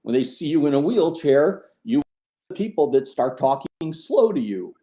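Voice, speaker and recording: A frank, middle-aged man answers interview questions with a dry, sarcastic edge. His voice sits slightly high for a man yet sounds dark and mellow. The video call reaches us from a roomy, echoey space. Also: very animated, normal speed. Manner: frank and sarcastic, with many restarts. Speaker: podcast guest. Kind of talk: candid conversational interview. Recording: echoey room.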